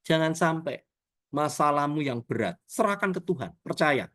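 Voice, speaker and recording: Guy preaching over a video call, jokey and lively, laughs a lot, does the voices when he reads. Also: fairly high pitch, moderate pace. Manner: lively and joking, often laughing, acts out voices; addresses listeners as "saudara" over and over. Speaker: evangelist preacher. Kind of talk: sermon.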